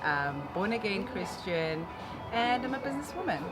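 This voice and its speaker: A woman with a South African accent answering interview questions conversationally, often pausing to find her words. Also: medium pitch, very animated, low-quality recording. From Durban, South Africa. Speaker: interview guest, marketing and events businesswoman. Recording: music under the talk. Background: loud music.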